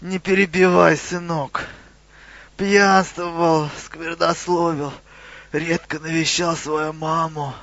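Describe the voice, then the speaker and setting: A man's voice: a little high, fairly even intonation, takes it slowly, creaky, hardly any pauses, fairly bright tone, dull audio, full character voice. Man doing a wheezing wounded water spirit, fighting for every word. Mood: confessing. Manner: labored, struggling over each word. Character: dying old male water spirit, wounded and confessing.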